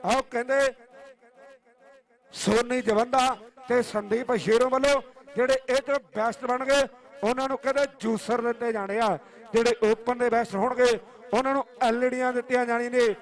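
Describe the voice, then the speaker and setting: High-pitched Punjabi man announcing kabaddi. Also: steady tone, normal speed. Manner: declamatory, repeating phrases. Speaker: kabaddi commentator and tournament announcer. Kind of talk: live sports commentary and announcements.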